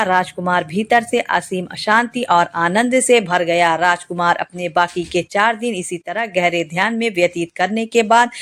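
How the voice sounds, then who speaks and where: A woman narrating a motivational story in a calm, even way, now and then restarting a word. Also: lowish voice.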